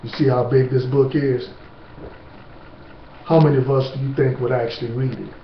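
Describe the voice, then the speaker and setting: A man giving an informal lecture to camera, slow and emphatic, with blunt street-talk asides. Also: mid-range voice, fairly even intonation. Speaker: speaker on natural remedies. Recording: distant, roomy, dull with faint hiss.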